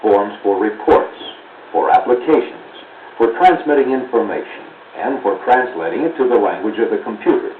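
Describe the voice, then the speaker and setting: An American man with a lowish voice and lively intonation narrates a 1970s classroom film, heard far from the mic. His scripted instructional delivery is measured, didactic, precise and clearly enunciated. The old 16mm soundtrack sounds narrow, roomy, muffled and noisy.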